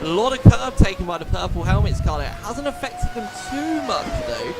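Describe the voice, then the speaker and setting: Brisk and creaky, his high voice cuts through loud music as he calls a sim race live. The man sounds a bit nasal and posh, staying chatty and animated while breaking down racing lines.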